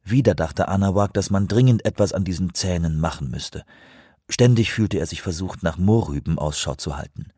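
A man reading an audiobook in a steady, even narration. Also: sits low, moderate pace, slightly rough, dry recording, studio quality. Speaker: audiobook reader. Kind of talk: scripted narration.

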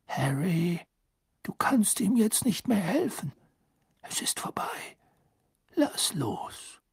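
Guy doing a kind old headmaster whispering softly, husky. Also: high voice, slow pace, dry recording, studio quality, pitched above the performer's own voice, exaggerated voice. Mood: soothing. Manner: soft calming whisper. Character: gentle old male headmaster.

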